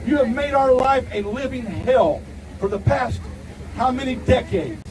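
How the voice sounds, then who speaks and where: A middle-aged man from Ohio giving a defiant rally speech outdoors, shouting at times. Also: very high voice, a little slow. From Ohio, USA. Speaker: rally speaker. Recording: distant mic, crowd and street noise.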